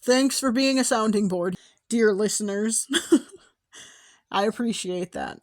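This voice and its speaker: A young woman hosting her own podcast, rambling in a casual personal monologue and laughing often, her voice going hoarse. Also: medium pitch, takes it slowly. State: losing her voice. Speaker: podcast host.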